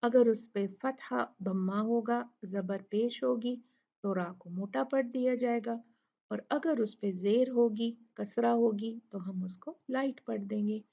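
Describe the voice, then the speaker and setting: Woman, recitation teacher, slow careful delivery, gravelly, sounds out words one by one. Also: fairly high pitch, mellow. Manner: asks questions and answers them herself; slowly sounds out words as examples. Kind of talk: step-by-step recitation lesson. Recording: dull lo-fi recording.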